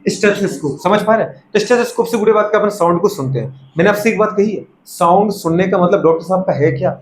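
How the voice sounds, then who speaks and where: A man's voice: high voice, fast talker. A man teaching a lecture, constantly checking whether the students follow and repeating a filler phrase. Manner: keeps asking students if they follow and calls them "beta". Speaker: medical entrance teacher. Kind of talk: classroom-style lecture. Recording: echoey room with faint background noise.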